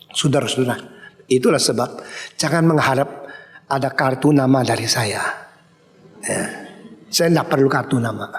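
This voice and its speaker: A man preaching a sermon as pastor, telling stories animatedly and acting out the voices of the people in them. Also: mid-range voice. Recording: reverberant hall.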